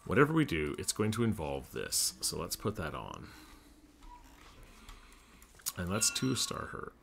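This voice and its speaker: Gravelly deep-voiced man muttering over gameplay. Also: wildly swooping pitch, normal speed, a bit bright, soft background music. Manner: thinks aloud, mutters to himself. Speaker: gaming streamer. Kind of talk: casual gameplay commentary.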